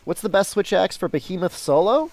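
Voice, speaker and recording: A man's voice: high-pitched, animated, fairly quick, darkish tone, no echo. A man talking casually and informally as a live game streamer, answering questions in a laid-back way. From Mexico or of Mexican descent. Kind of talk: casual gaming stream commentary, answering chat.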